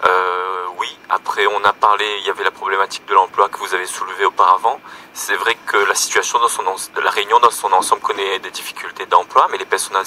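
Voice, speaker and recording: Low, even-toned male councillor. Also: fast, slight background noise. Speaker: elected councillor, radio guest. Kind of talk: measured interview answers.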